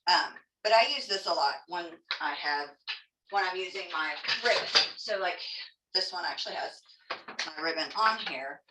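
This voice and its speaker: A woman teaching a craft class in a casual, chatty, encouraging way, demonstrating step by step, with soft r sounds that lean toward w. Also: on the low side, animated, moderate pace, slight background noise. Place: indoor room, teaching an online class. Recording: echoey room, distant microphone.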